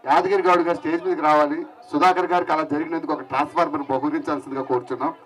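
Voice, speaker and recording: Fast-talking high-voiced male emcee. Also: steady tone, fairly bright tone, rough recording. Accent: Telugu. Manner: teasing, quick comic patter. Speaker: event anchor. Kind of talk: joking stage emcee banter. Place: outdoor picnic event crowd.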